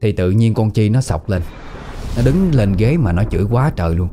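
A man's voice: fairly low pitch, sing-song, normal speed, dark tone, a little hiss or hum. A man with a Southern Vietnamese accent narrating a family ghost story in a plain, conversational way. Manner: plain conversational retelling with southern colloquial words.

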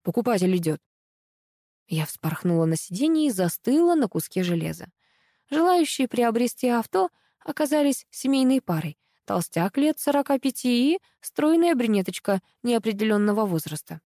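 A woman narrating a first-person audiobook with lively, ironic storytelling. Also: on the high side, normal speed, dry recording, clean studio sound.

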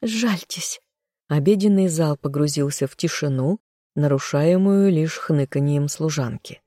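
An audiobook reader tells a first-person story in a measured, even way. The voice is mid-pitched with a dark, mellow tone, recorded close in a dry space with no echo. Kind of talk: first-person scripted narration.

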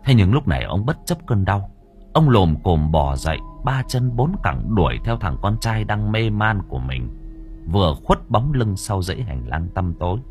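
A man tells a dark tale in a lowish voice with a very lively, rolling intonation. His dramatic delivery speeds and slows through the story, and faint music plays beneath him. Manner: expressive, shifting tempo. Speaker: audiobook narrator.

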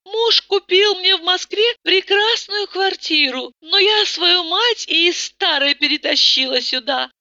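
A woman's voice: very high-pitched, lively intonation, measured pace, few pauses, bright, forceful tone, dry recording, voice pushed up, full character voice. A woman voicing a bored, tearful rich young wife who whines and sighs theatrically about her empty life, in a dull, muffled audiobook recording. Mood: plaintive. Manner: plaintive, sighing, theatrical.

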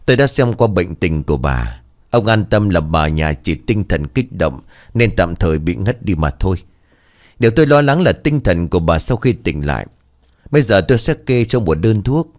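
Brief: calm reassuring folk doctor, a man reading him, low and measured.

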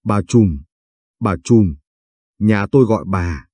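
A man voicing a timid young peasant husband who speaks anxiously and quietly. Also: on the low side, lively intonation, slow pace, husky, no room sound, clean studio sound, exaggerated voice. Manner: timid, hushed.

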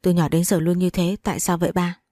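A woman's voice: on the low side, level tone, fast, mellow, no echo, studio quality, lightly acted. A woman voicing a hurt young wife. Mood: plaintive. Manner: plaintive, confiding. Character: young wife hurt by her cruel father. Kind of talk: audiobook story reading.

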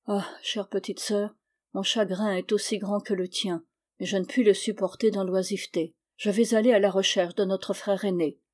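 Une femme qui joue un jeune homme loyal et résolu, d'un ton posé et ferme, un peu plus grave. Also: female voice, medium pitch, level tone, normal speed, darkish tone, natural voice. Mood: resolute. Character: resolute young man, loyal brother.

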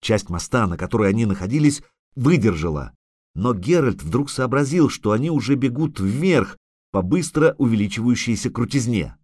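A male narrator reads a fantasy story with dramatic, expressive delivery. His pitch moves freely through each sentence. The sound is dry and close, with no room around it. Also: moderate pace, no room sound. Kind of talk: audiobook narration.

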